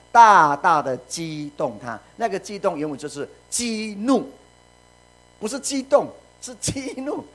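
A man preaching a sermon, lively, laughing and mimicking voices, then dropping to a quiet hush. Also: sits high. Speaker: pastor.

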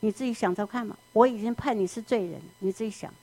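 A woman preaching in an animated storytelling manner, often asking the listeners questions. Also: medium pitch, fast talker. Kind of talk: sermon.

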